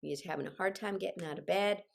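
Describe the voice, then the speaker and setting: Talking fast in a low, gravelly voice, an older singing instructor just getting over a cold guides a group through singing over a video call. She's directive yet encouraging, mixing instruction with personal asides.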